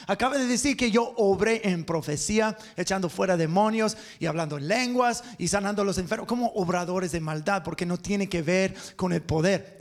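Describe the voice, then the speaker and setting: A man preaching a sermon to a church congregation, moving between quick bursts and slow, stressed phrases. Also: sits high.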